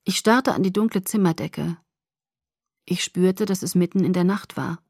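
A woman narrates a novel in the first person, her voice low and breathy. The telling stays soft and hushed, and the sound is dry and close with no room around it. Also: moderate pace, no echo. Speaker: audiobook reader.

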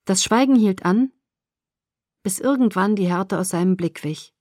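Woman reading an audiobook in first person, measured and expressive, pretty dry close sound. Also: mid-range voice, no room sound. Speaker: audiobook narrator.

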